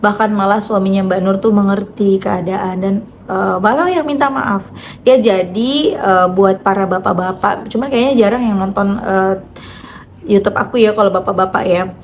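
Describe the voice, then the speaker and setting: A vlogger and author from North Jakarta, Indonesia, chats casually with her viewers. She speaks loudly, quickly and bluntly at an ordinary middle pitch. A faint ambient hiss runs in the background.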